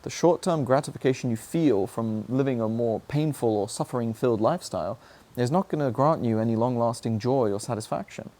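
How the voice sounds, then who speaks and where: Here a young man with a medium-pitched, dark-toned voice talks a little fast. He's sharing personal reflections in an earnest, searching motivational monologue about what he struggles with, often posing questions to himself.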